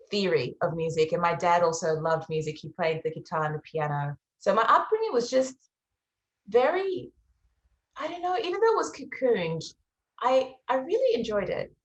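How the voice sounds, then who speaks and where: A young Australian woman, a musician, answers interview questions reflectively and earnestly, using soft fillers. Her voice is fairly low in pitch, and the recording is reverberant.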